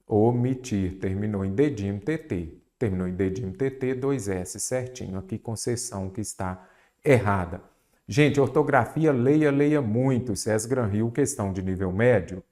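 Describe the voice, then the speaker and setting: In an exam-prep lesson, a man speaking Brazilian Portuguese works through questions aloud, answering the ones he poses himself. His voice is fairly low and mellow at a normal speed, and he repeats a mnemonic while stretching key words for emphasis.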